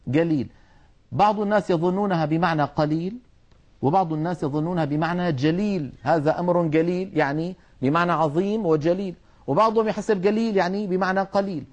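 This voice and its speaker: A man teaching Quran recitation, explaining letter sounds earnestly and sometimes scolding, drawing out his demonstrations slowly. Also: high-pitched. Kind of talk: tajweed lesson.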